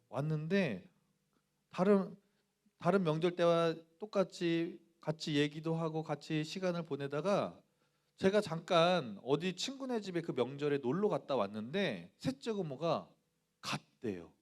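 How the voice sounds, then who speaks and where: A man's voice: fairly high pitch, lively intonation, unhurried. A male pastor giving a sermon to students, telling a personal story and asking the listeners questions, acting out the voices in his quotes. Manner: acts out quoted voices in dialogue.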